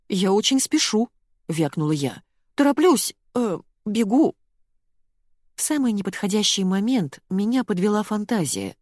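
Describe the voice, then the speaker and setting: A woman narrating a first-person comic novel as an audiobook, in a wry and expressive manner. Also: fairly low pitch, dry recording, clean studio sound.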